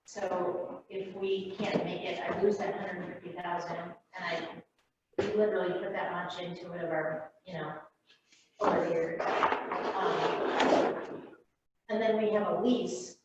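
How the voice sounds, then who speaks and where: A woman business owner talks frankly in a casual chat. She sits far from the microphone in a very echoey room. The call audio is dull and has a clear noise bed behind her. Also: lowish voice, fairly even intonation, unhurried. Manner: frank and candid, talks to herself. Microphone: video call, far from the mic.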